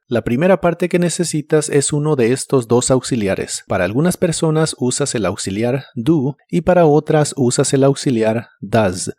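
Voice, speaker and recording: A man narrating a scripted language lesson in a calm, even, explanatory way, slowing down for example phrases. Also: fairly high pitch, no room sound, studio quality. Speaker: English teacher.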